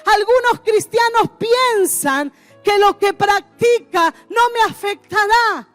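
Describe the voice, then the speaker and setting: A woman with a Rioplatense Spanish accent preaching a sermon in a church, emphatic, with rising shouts and drawn-out words. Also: extremely high pitch, dry recording, faint music behind. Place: church hall.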